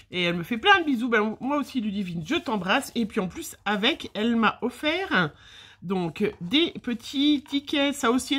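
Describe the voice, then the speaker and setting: This scrapbooking vlogger, a middle-aged French woman, talks in a mid-range, fairly bright voice as she opens mail on camera. She has a slight cold and chats loosely, rambling with plenty of fillers.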